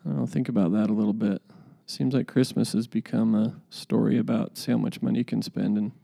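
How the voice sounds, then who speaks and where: A man's voice: lowish voice, steady tone, brisk, gravelly, mellow. A man hosting a podcast in a casual, rambling way, with informal buddy slang and musing, hesitant delivery. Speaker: podcast host.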